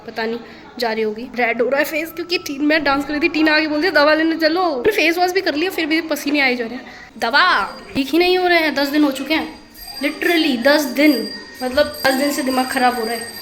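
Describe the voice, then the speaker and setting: A young woman with a hoarse throat from a cold, chatting in a rambling, self-mocking way as she vlogs her day. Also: high voice, fairly quick, fairly bright tone. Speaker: vlogger. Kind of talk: casual vlog chat.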